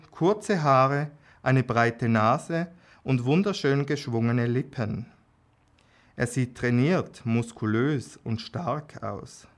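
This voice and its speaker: A man reading an erotic story aloud in a calm, unhurried way, with small slips and restarts. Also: medium pitch. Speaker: narrator.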